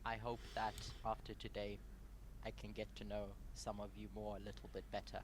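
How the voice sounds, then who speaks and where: A young man from Zimbabwe leading a prayer and a Bible study, speaking in short measured phrases with pauses for an interpreter. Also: fairly low pitch, monotone, background noise. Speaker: guest Bible study presenter.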